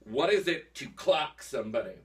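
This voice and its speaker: A man's voice: medium pitch, lively intonation, normal speed, distant mic. A man hosting a casual chat show, playful and teasing, laughing often. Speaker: host.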